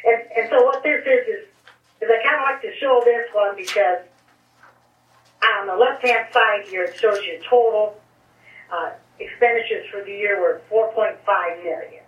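A woman's voice: medium pitch, normal speed, distant mic. Woman on a tinny speakerphone. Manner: chatty, many fillers and restarts. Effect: heard over a speakerphone. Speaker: auditor. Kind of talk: informal presentation to a council. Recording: tinny speakerphone in an echoey room.

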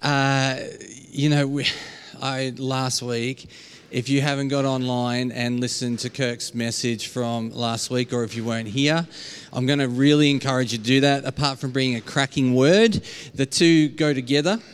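A man's voice: mid-range voice, fairly even intonation, moderate pace, a little hiss or hum. A man with a broad Australian accent preaching an informal sermon in an earnest, conversational way. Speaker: preacher at a church.

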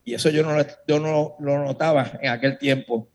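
A man giving a religious testimony to a congregation, telling his story in a lively way and speaking straight to his listeners. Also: on the high side, moderate pace.

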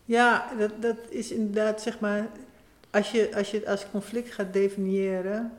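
Guest essayist, mid-pitched voice, measured and explanatory, recorded in an echoey room. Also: level tone. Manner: thoughtful, explanatory, with frequent restarts. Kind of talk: conversational interview. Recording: roomy echo.

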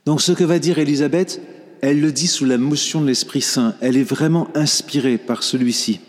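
A man preaching a sermon as a priest, slow and reflective, often restarting his phrases. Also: mid-range voice, long reverb tail.

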